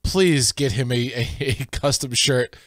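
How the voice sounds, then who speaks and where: Giggly teasing podcast guy, slow talker. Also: mid-range voice, a bit bright, no room sound, studio quality. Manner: giggly, repeats jokes, teasing. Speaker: podcast co-host. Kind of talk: casual crude banter.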